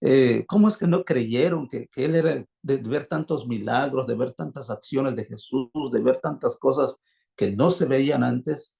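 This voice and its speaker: A man's voice: mid-range voice, unhurried, creaky, dark tone. A man preaching a sermon in a church, hesitant, with many fillers and restarts as he retells scripture. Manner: retells scripture with quoted dialogue.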